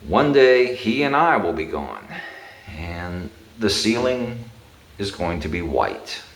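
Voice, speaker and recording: A man's voice: low voice, slow. Chuckling man in an echoey room. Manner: rambling, chuckling, animated when quoting. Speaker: homeowner documenting a room. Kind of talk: casual storytelling to camera.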